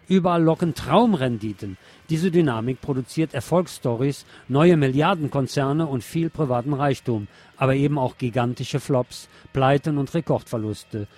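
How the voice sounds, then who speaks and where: A man with a medium-pitched, darkish voice reads scripted political commentary at a moderate pace as a radio presenter. Music plays in the background behind his voice.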